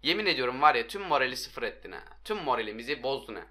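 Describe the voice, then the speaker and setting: A young man giving excitable, hoarse-voiced commentary on his own mobile football game, talking to his viewers and shouting at his players. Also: mid-range voice, racing. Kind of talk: live gameplay commentary.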